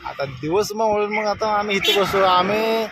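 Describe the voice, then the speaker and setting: A man's voice: high-pitched, normal speed. A man with a rural western Maharashtra accent on a casual prank phone call, talking colloquially in a pleading, insistent way. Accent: rural western Maharashtra Marathi. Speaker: prank caller. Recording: noisy phone call with vehicle sounds.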